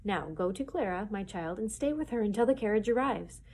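A woman reading the lines of a kindly but stern wealthy older gentleman in a children's storybook. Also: high voice, expressive, a little fast, a little hiss or hum.

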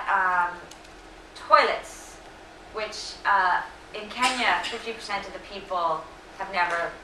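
A middle-aged woman answering audience questions at a lecture, earnest and full of fillers and self-corrections, her voice slightly hoarse. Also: mid-range voice, bright, forceful tone, slight background noise. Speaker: invited lecture speaker. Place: lecture hall. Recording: echoey room, distant mic.

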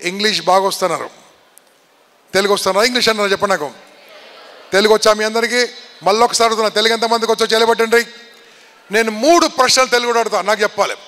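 A motivational speaker with a Telangana accent, firing repeated questions at a student audience and shouting for answers. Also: male voice, high-pitched, rapid-fire, long pauses. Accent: Telangana Telugu. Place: large hall with an audience. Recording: echoey hall, faint background noise.

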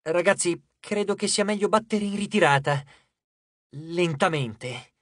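Clumsy brave teen demigod boy in an audiobook, yelling warnings, bit high, man reading him. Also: a little slow, no echo, studio quality. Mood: urgent. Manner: urgent, shouting warnings.

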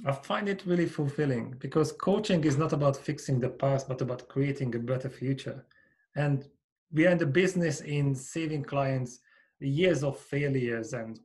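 A man's voice: mid-range voice, a little mellow. Hungarian-accented man on a headset mic. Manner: earnest, measured, explanatory. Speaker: company founder, guest. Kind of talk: podcast interview over video call. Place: small home office with bookshelves. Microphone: over-ear headset with boom mic.

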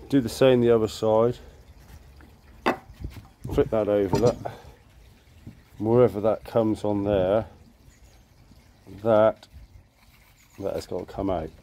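A man with a fairly low voice walks through a practical job in a casual way. He drops in muttered asides as he works. The handheld outdoor recording has clear noise and clicks. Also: steady tone, takes it slowly, long pauses, warm tone. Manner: informal, muttering asides to himself while working. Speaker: woodworking video presenter. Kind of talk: casual hands-on demonstration. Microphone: handheld camera.

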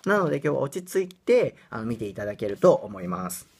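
A man's voice: medium pitch, sing-song, fairly quick, vocal fry, darkish tone, husky. A young man from Japan giving a casual pronunciation lesson, chatty and self-deprecating, breaking into bits of song. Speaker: English pronunciation teacher.

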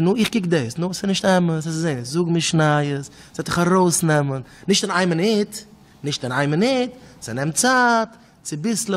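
A man, a rabbi, giving an emphatic religious talk, repeating phrases and swinging between low murmurs and sharp exclamations. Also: long reverb tail. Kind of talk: impassioned religious lecture.

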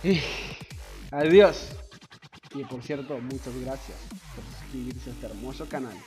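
A man's voice: medium pitch, unhurried, warm tone, soft background music. A young man from Ecuador, a YouTuber answering viewer questions in a boisterous, crude, joking way with lots of swearing. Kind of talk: casual Q&A voice-over over gameplay.

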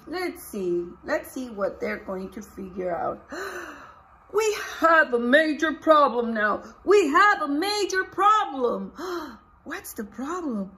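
In a small indoor room lined with posters and books, a middle-aged teacher reads a picture book expressively, asking young children questions directly. Her voice sits high with a fairly bright tone.

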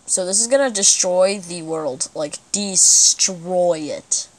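A woman giving let's play commentary as she plays, excitable and breaking into sudden exclamations. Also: fairly low pitch, slow. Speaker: gamer.

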